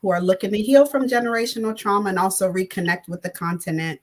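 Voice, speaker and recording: A woman's voice: mid-range voice, quick pace, background noise. A woman from Ghana, a panel guest who runs wellness retreats, speaking with many hesitant "um"s. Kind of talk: panel talk show discussion.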